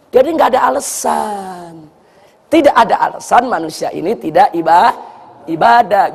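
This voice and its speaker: A man's voice: extremely high pitch, in a large hall. A man preaching a sermon to a congregation, often putting rhetorical questions to his listeners. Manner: rhetorical questions to the audience, animated.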